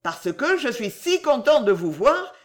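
Here the same audiobook role, a sly and falsely tearful servant gushing with sentiment, comes through at medium pitch. The reading is very animated and a little slow, with the voice pushed upward.

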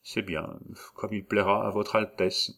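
A scheming abbé speaks with cold, mocking calm, as a man reads him. He is dry and sardonic, low in pitch, with a sneer behind his politeness. It is an audiobook character voice, lightly acted. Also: measured pace.

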